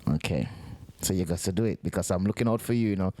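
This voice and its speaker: Joking, halting middle-aged male host. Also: low-pitched, dry recording. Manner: warm, joking, repetitive, halting. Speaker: podcast host. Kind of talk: casual interview.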